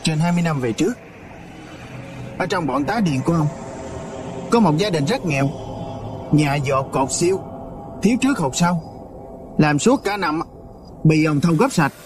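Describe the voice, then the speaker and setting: A man's voice: on the high side, lively intonation, moderate pace, long pauses, over music, pitched above the performer's own voice, natural voice. A man voicing a detached son who speaks in a matter-of-fact, distant way. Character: cool detached son repaying a debt.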